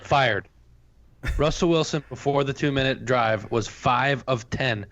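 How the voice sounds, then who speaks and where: A man with a mid-pitched voice chats casually about sports as a co-host. He is blunt and full of wisecracks. The recording sounds dull and lo-fi. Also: normal speed, a bit bright, a little hiss or hum. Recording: dull, lo-fi podcast audio.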